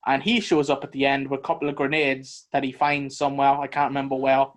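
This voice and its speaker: A man co-hosting a podcast, chatting casually about a movie in a blunt, animated way and swearing freely. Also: medium pitch, fast talker. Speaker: podcast co-host. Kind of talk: casual movie review chat.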